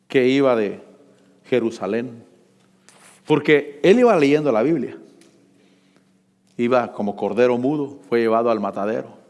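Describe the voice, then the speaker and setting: A man preaching a sermon, calling out scripture loudly, dropping to low asides and asking the congregation to repeat after him. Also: long reverb tail. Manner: fervent, swings between loud scripture reading and low asides; call-and-response with the congregation.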